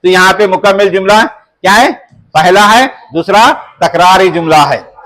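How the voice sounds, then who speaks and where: A high-pitched man teaches an Urdu class. He talks slowly and deliberately, asking his students questions and repeating them. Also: fairly bright tone, low-quality recording. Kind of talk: classroom revision lesson.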